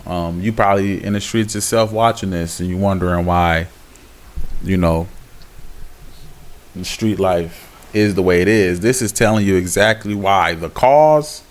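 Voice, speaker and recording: A man teaching the Bible, reading scripture slowly and then breaking into blunt, scolding, slangy exhortation. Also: deep voice. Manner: slow measured reading, then fired-up exhortation. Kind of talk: scripture reading with preaching commentary.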